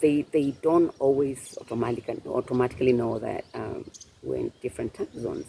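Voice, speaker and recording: A man's voice: mid-range voice, brisk, gravelly, warm tone, a little hiss or hum. A man being interviewed, explaining things patiently in a casual chat and laughing often. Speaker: guest.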